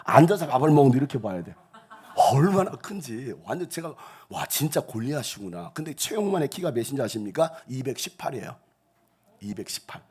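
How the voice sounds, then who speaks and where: A male pastor preaching a lively sermon in a church, who acts out gruff voices and jokes with the congregation. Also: medium pitch, a little fast. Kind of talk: lively sermon with acted quotes. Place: church sanctuary.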